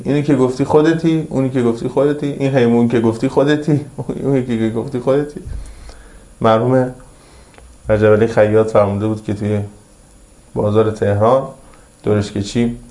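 A man preaching a sermon with a dark, mellow tone. He intones Arabic passages slowly and deliberately, then explains them in easy colloquial speech, repeating his phrases for emphasis. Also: medium pitch. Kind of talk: religious sermon.

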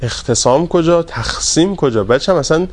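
A fairly high-voiced man teaching a grammar class, repeating word forms slowly and prompting his students to finish his sentences. He stays polite and patient as he goes through each step. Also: animated. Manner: drawn-out repetition of word forms, quizzing students; polite and deferential to the class leader.

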